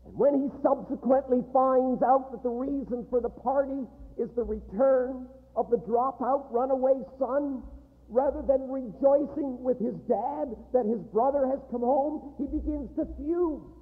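A man preaching a sermon in a large chapel, emphatic and full of dramatic pauses. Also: very high-pitched. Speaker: guest preacher. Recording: echoey hall, tinny narrow sound.

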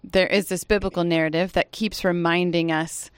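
A chatty, lively woman hosts a campus radio hour from the studio. Her voice comes through smooth and crisp. The room sounds dry, with no echo. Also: on the low side, moderate pace. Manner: lively and chatty, laughs often. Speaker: radio show host. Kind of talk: casual campus radio chat.

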